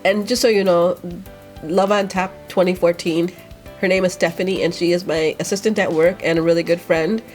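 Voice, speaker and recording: A woman's voice: lowish voice, fairly even intonation, moderate pace, a little mellow, faint music behind. Chatty woman vlogger with a stuffy cold. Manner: rambling, chatty, with fillers. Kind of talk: casual chat.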